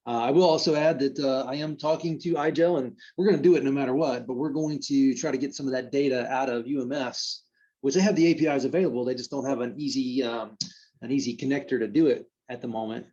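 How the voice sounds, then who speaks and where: Fast-talking Southern man hosting a podcast. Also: mid-range voice, steady tone, darkish tone, lo-fi sound. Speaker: podcast host. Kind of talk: casual podcast chat.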